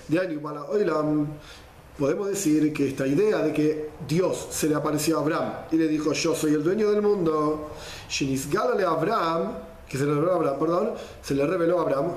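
Man teaching in an echoey room. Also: fairly high pitch. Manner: lively explainer, mixes Hebrew quotes with Spanish gloss. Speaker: Torah class teacher. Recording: roomy echo.

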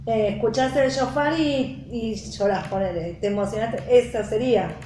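A woman's voice: fairly high pitch, moderate pace, darkish tone, roomy sound, a little hiss or hum, poor audio. A woman in a class, offering an example and hesitantly searching for words. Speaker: class participant. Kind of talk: question in class.

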